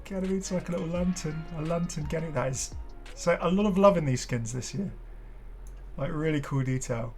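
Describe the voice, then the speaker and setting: A gaming video creator hosts a casual game showcase, his fairly high, slightly mellow voice enthusiastic and effusive as he rambles through halting explanations. Clear music plays behind him throughout.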